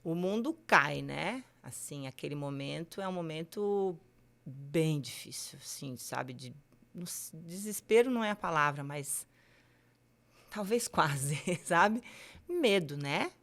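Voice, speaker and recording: A woman in her forties with a low voice shares her own story in a podcast chat. She speaks candidly and haltingly, leaning on small fillers as she goes. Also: lively intonation, gravelly, fairly bright tone. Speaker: guest sharing her cancer story. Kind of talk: emotional personal storytelling.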